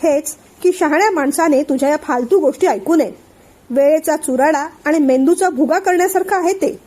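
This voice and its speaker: A woman voicing a calm older man who patiently explains and soothes his friend. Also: sits high, normal speed, close to an everyday voice. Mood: calm, persuasive. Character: calm older male friend and family elder.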